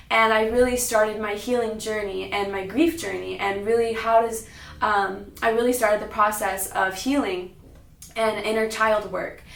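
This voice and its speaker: Her medium-pitched voice carries a slight brightness as this young adult from Sacramento, California, recounts her personal story in a public talk. The American woman is captured from some distance, and the roomy setting adds noticeable echo.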